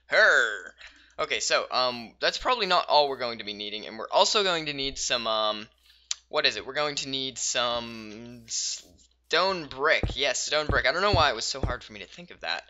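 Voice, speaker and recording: A man giving relaxed let's-play commentary while building in a game, thinking aloud with many pauses and fillers and sudden excited bursts. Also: mid-range voice, dull audio. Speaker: gaming YouTuber.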